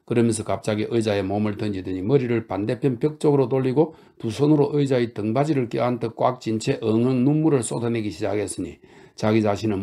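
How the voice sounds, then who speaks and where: Gravelly, dark-voiced man reading a novel. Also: mid-range voice. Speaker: audiobook narrator. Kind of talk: calm novel reading for sleep.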